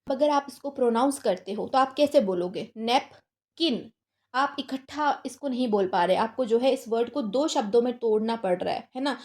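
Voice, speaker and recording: Chatty woman teacher, slightly high voice. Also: darkish tone. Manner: conversational, asks and answers own questions. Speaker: literature teacher. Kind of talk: casual Hindi exam-prep lecture.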